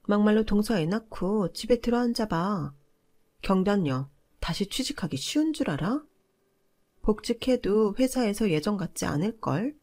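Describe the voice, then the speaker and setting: A woman's voice: darkish tone, lightly acted. A woman voicing a bossy, entitled older sister-in-law who scolds and talks down to others. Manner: shrill, scolding, condescending.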